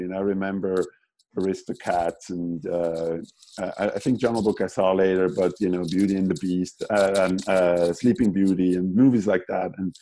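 An animator from German-speaking Switzerland, appearing as a guest in a relaxed interview, rambles with lots of fillers and restarts. He has a fairly low, dark-toned voice, and the recording quality is poor.

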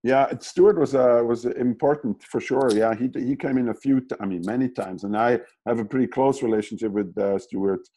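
A man's voice: mid-range voice, a little fast, hardly any pauses, warm tone, poor audio. A man from German-speaking Switzerland, an animator guest in a casual interview, who talks in a rambling way with many restarts and fillers.

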